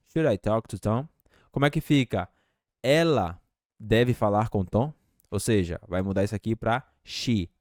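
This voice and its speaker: A man teaching English in a lesson, slowly repeating example phrases. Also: medium pitch, dry recording, studio quality. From Brazil. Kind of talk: language lesson.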